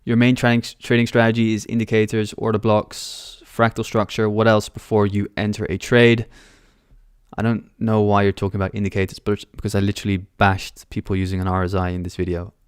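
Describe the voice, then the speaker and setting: Answering questions from his viewers in a relaxed, offhand manner, a London-born young man hosts a trading livestream. He speaks in a fairly low, smooth, clear voice, keeping a level tone and a brisk pace. His headset mic in a small room captures close, dry audio without echo.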